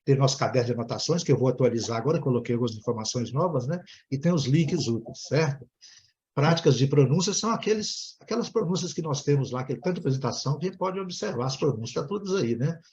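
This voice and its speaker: Brazilian man teaching English over a video call, chatty, keeps asking "né?", middle pitch, slightly muffled line. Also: animated, quick pace, darkish tone. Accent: Brazilian Portuguese. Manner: chatty, ends nearly every phrase with "né?". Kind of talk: online class, explaining a lesson.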